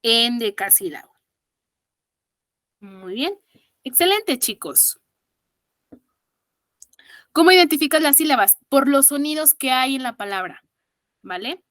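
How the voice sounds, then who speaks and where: A woman's voice: high-pitched, expressive, measured pace, pauses often, fairly bright tone, no room sound, clean studio sound. A woman with a Mexican accent teaching an online exam-prep class, counting syllables aloud and praising her students patiently.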